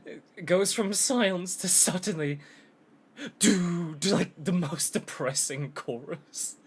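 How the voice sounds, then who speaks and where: Giggly, slow-talking male streamer. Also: high voice, husky. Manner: giggly, chatty, animated. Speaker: streamer playing a game. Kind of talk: casual gameplay commentary.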